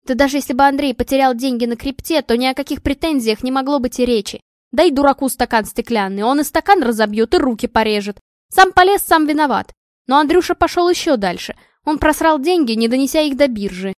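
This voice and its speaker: A furious young wife hurls shrill, scolding accusations at her husband in a loud, high voice, as a woman reads her part. The sound is close and dry with no room around it. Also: animated, brisk, no room sound. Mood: scornful.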